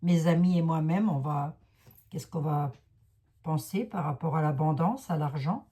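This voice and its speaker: A woman's voice: low-pitched, measured pace, mellow, husky. A woman with a Lorraine accent reading tarot cards in a chatty, self-mocking way, talking to her viewers. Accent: Lorraine French. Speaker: psychic card reader. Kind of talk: casual card-reading livestream.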